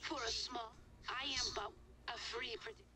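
A woman voicing a showy female fortune-teller robot in a video game, with a too smooth, sing-song android patter. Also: on the high side, fairly even intonation, moderate pace, very noisy, lightly acted. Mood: theatrical. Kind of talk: video game character dialogue.

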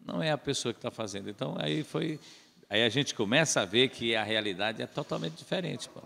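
A man telling a rambling, animated story as a podcast guest. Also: mid-range voice, brisk, gravelly, in a large hall. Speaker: podcast guest, radio announcer. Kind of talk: casual storytelling.

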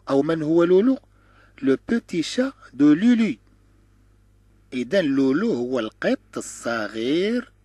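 A man with a Moroccan Arabic accent teaching beginner French, drilling letter sounds slowly and repeating each syllable. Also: mid-range voice, slightly rough, no echo. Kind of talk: slow classroom-style reading lesson.

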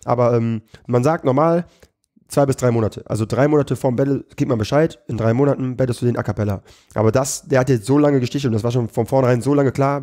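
A man chatting as a podcast guest in slangy, casual speech, tripping over fillers and restarts. He talks very quickly. His tone is mellow and dark. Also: mid-range voice. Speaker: podcast guest, comedian and battle rapper. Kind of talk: casual interview chat.

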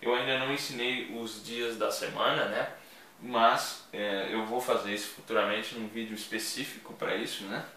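A man teaching English vocabulary in a chatty video lesson, repeating each word slowly for his learners. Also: fairly low pitch, fairly even intonation, bright, forceful tone. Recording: echoey room, voice from a distance.

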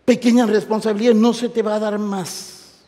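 A middle-aged man preaching to university students, animated, swinging from loud exclamations to soft intimate asides. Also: high voice, moderate pace. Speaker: pastor. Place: large hall. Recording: reverberant hall.

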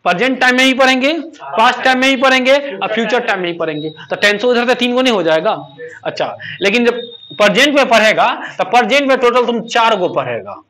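A man teaching a classroom grammar lesson, speaking. His voice sits high and sounds bright. He drills the students with quick questions and waits for their answers in chorus. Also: lively intonation. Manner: call-and-response questioning.

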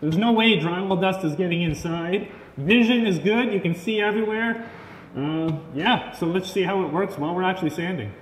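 A man speaks through a full face mask, and his voice comes out high and muffled. He gives a plain, matter-of-fact product review. The sound carries a roomy echo with a long tail and faint background noise. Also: normal speed. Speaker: drywall taper reviewing a mask.

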